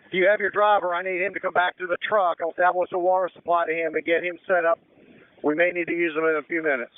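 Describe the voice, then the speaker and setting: A man commands a fire scene over two-way radio. His voice is high-pitched and smooth, coming through a dry, narrow radio band. He speaks in brisk, procedural orders. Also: little pitch movement, dry recording. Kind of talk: emergency radio dispatch commands.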